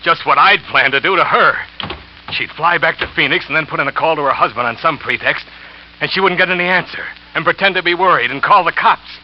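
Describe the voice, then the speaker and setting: In a 1940s radio drama, an actor plays a desperate man, a scheming lover turned trapped victim, narrating his own failed murder plot in the first person. His tense, driven narration rises to panic; his voice is on the high side, brisk, and close to everyday speech. The old broadcast is muffled, with music and a little hiss or hum.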